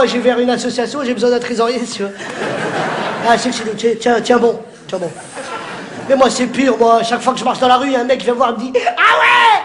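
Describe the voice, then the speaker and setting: Man, stand-up comic, very high voice, rapid teasing banter, live show with laughing crowd and noise. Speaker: stand-up comedian. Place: theatre stage before a live audience.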